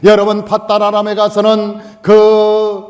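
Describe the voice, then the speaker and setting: A male pastor preaching a sermon, telling the story with animated acted-out quotes. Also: sits high, measured pace, in a large hall.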